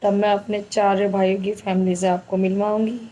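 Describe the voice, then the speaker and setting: A woman's voice: medium pitch, flat delivery, low-quality recording. A woman family vlogger from India chatting casually about her relatives and home. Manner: slow, soft-spoken, homely chatting. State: injured leg. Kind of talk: casual vlog narration.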